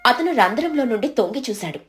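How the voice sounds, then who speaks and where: A woman narrating an animated moral storybook in a steady, scripted storytelling voice. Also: a little high, quick pace.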